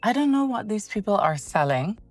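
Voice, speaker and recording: A woman's voice: mid-range voice, very animated, a little fast, over loud music. A woman from Barbados, chatting casually on a handheld phone camera and asking her viewers questions as she runs errands. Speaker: vlogger. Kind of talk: casual vlog chat. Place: out and about in a city, car and shops.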